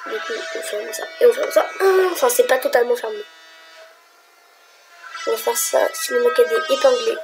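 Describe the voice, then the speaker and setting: A woman giving casual, rambling commentary over her screen recording as a tutorial vlogger, thinking aloud with whispered asides and sudden excited outbursts. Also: fairly high pitch, moderate pace, pauses often, over music, low-quality recording.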